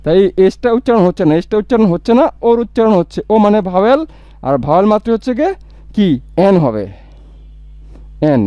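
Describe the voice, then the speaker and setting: A man with a Bangladeshi accent tutoring English, reading example sentences slowly and then explaining them step by step. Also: sits high, very animated, warm tone, smooth, no echo, highs cut off. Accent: Bangladeshi Bengali. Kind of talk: recorded tutorial lesson.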